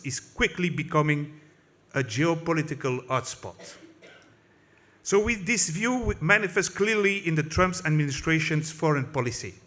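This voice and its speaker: Speaking English with a French accent, a conference speaker whose native tongue is French gives an intense political speech. His voice is a little high and a bit bright, and he slips and restarts often.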